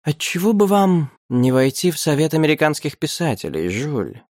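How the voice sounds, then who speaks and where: A man reading an audiobook, voicing a smooth, amused, scheming man in a soft, unhurried, lilting voice. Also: on the high side, sing-song, no room sound, clean studio sound. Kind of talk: audiobook character voice.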